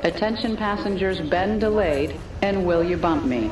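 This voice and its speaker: A woman's voice: on the low side, normal speed. A woman playing a female airport announcer addressing passengers over the intercom. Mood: formal. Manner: formal public announcement. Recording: echoey loudspeaker with crowd behind.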